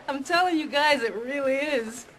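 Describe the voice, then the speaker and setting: A perky woman in a TV sitcom, high-pitched and giggly. Her delivery is expressive and animated, taken at an unhurried pace. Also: heavily acted, poor audio. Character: perky woman amused by her own jokes. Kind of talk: scripted TV sitcom acting.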